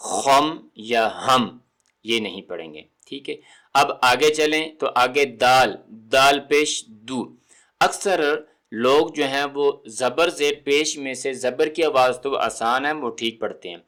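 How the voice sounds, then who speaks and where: Male tutor, calm and mid-pitched, teaching sound by sound and checking in often. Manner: patient, repeats sounds slowly and checks with "theek hai?". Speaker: Quran recitation teacher. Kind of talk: step-by-step tajweed lesson.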